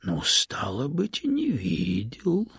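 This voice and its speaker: A man reading an audiobook, voicing a sly, evasive male serpent who speaks in a low, measured and sometimes hushed way. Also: big pitch swings, creaky, husky, no room sound, studio quality, heavily acted. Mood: calm, sly. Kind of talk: audiobook character voice.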